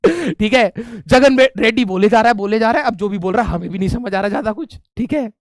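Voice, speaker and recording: A young man with a strikingly high voice tells a story to his viewers in a casual, animated way. He keeps dropping "ठीक है" between lines. The sound is dry and close, with no room echo. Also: fast. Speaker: streamer telling a story.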